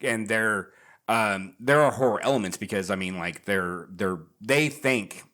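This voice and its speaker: A man's voice: lowish voice, measured pace, bright, forceful tone. A man co-hosting a podcast in casual chat, rambling, swearing a lot and laughing often. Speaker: podcast co-host.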